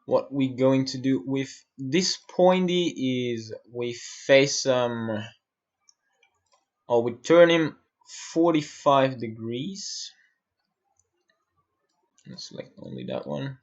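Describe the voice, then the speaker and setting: A man from Austria, muttering to himself while he works through a software build on a live-stream tutorial and answering viewers' questions. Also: mid-range voice, animated, slow pace, long pauses, dull audio.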